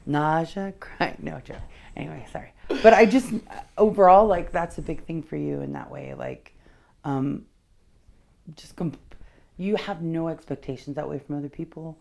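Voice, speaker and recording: A woman with a low, gravelly voice reads a man's personality from his signature. She talks frankly and chattily, laughs a lot and slips into playful impressions of his inner voice. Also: moderate pace. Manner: animated, acts out his inner voice. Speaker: handwriting analyst. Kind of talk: casual personality reading.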